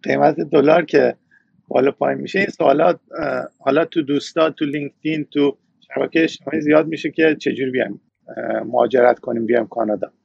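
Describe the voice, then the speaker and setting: A man's voice: medium pitch, fairly even intonation, creaky, darkish tone, husky, dry recording, highs cut off. A man from Iran, a guest in a casual interview, talking reflectively with frequent hesitations.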